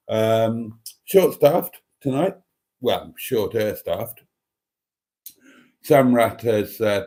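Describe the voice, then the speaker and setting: A British man hosts a casual livestream chat, rambling theatrically and effusively in a camp style and calling his listeners playful endearments. His voice is on the low side and a little mellow.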